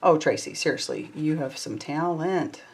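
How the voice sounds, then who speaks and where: Woman, lower pitch, chatty, effusive, craft livestream host. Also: lively intonation, moderate pace. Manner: chatty, reads out viewer comments, warm and effusive. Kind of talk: casual live chat while crafting.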